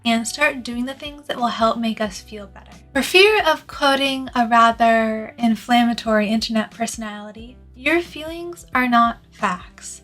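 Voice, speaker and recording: Her voice is fairly high and a bit bright as she delivers scripted self-improvement advice to viewers. Earnest and articulate, this productivity-style YouTuber leans on key words for emphasis.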